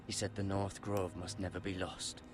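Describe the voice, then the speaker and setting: A man's voice: deep voice, flat delivery, moderate pace, over music, lightly acted. An actor playing an earnest young man sworn to a frontier guard in a video game, wry and wondering. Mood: troubled.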